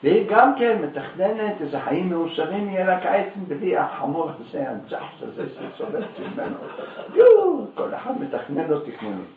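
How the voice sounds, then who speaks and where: A man telling a lively religious story as a sermon, acting out the people in it. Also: high voice. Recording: echoey, distant, phone-like sound.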